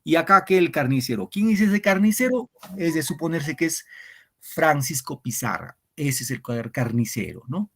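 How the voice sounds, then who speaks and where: A man's voice: a little high, lively intonation, moderate pace, vocal fry, fairly bright tone, slightly rough. A male teacher, giving an online class and explaining step by step, counting aloud and checking in with his students. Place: home setup for an online class.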